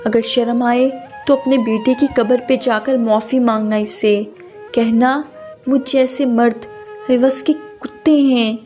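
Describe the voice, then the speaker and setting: A woman's voice: fairly high pitch, fairly even intonation, warm tone, soft background music, lightly acted. A woman voicing a wronged young woman who scolds angrily in a read-aloud story. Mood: bitter scolding. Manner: angry, scolding.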